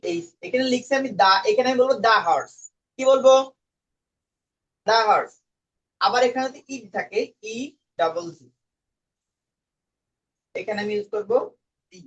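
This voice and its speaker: A man's voice: sits high, a bit bright. A man teaching an English lesson, quizzing his students and mixing English words into his talk. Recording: dull lo-fi recording.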